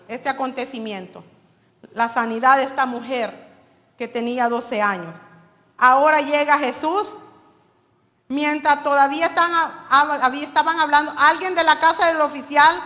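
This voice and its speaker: A woman's voice: sits high, bright, forceful tone, long reverb tail. A woman preacher delivering an emphatic sermon and calling her listeners brothers.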